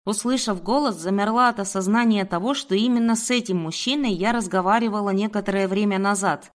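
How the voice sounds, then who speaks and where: A woman reads a first-person novel aloud at an even, measured pace. Her voice sits in a middle register. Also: medium pitch. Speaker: audiobook narrator. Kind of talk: first-person scripted narration.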